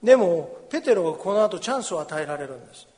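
A man, a pastor, giving a sermon with Bible reading, explaining gently in a conversational way in a church. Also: sits high, sing-song, fast talker. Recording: long reverb of a large hall.

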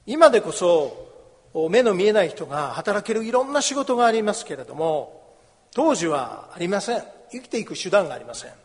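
A high-pitched man preaches a sermon as a pastor, walking through a scripture passage. He brings it to life by acting out the pleading and scolding voices of the people in the story. His voice rings with the long reverb of a hall. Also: very animated, moderate pace. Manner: explains scripture, acts out the beggar's and crowd's cries.

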